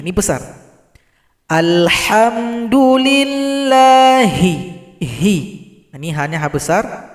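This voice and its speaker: Man teaching tajweed, high voice, slow measured delivery, echoing room. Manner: explains slowly, then recites verses in drawn-out chant. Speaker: Quran recitation teacher. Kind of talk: tajweed lesson with recited examples.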